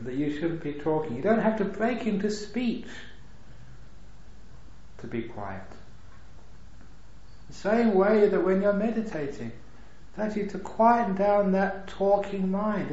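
A man gives a calm, unhurried dharma talk as a meditation teacher at a retreat, with light humor. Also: sits high. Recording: echoey hall, dull lo-fi sound.

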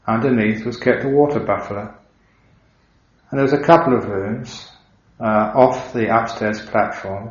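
Monk's unhurried dharma talk, roomy sound. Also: male voice, mid-range voice. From England. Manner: unhurried storytelling, reflective with gentle humor. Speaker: Buddhist monk. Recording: dull, roomy recording.

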